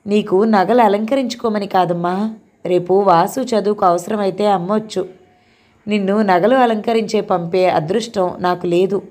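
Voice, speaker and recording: A woman voicing an ailing elderly father who speaks slowly and tenderly to his daughter. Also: mid-range voice, fairly even intonation, a little mellow, close to an everyday voice.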